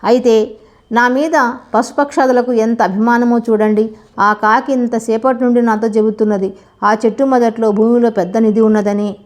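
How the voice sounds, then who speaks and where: A woman voicing a clever, calm young daughter-in-law in a folk tale, speaking in a deliberate, knowing way. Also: on the high side, close to an everyday voice.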